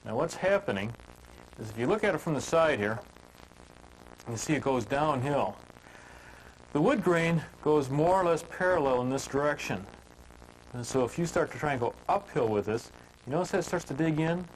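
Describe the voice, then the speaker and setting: A man teaching woodcarving in a relaxed, homespun storytelling manner, chatting with filler words as he works. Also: on the high side, moderate pace, pauses often, a little hiss or hum, poor audio. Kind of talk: folksy storytelling while demonstrating carving.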